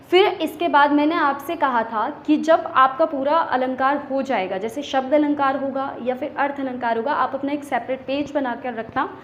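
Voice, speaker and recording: A woman's voice: high-pitched, fairly bright tone, reverberant, muffled recording. A woman teacher giving an exam-prep grammar lesson. She explains each point step by step, asks rhetorical questions and answers them herself, and keeps saying "okay" as she moves between points. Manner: repeats "okay" to pace points.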